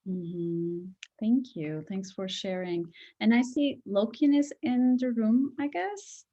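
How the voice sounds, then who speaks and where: A woman's voice: medium pitch, slow pace, dark tone, dull audio. A woman moderating an online panel on a video call, politely restating questions with examples.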